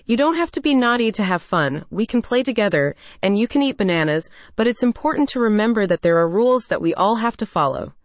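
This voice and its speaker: A woman's voice: on the high side, animated, a little fast, few pauses, dry recording, lightly acted. A woman voicing a brave, helpful young female monkey in a children's story, confident and encouraging.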